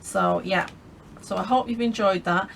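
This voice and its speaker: A woman's voice: mid-range voice, measured pace, vocal fry, a bit bright, slight background noise, low-quality recording. A woman chatting casually as she crafts at home, rambling and laughing often. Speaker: craft vlogger.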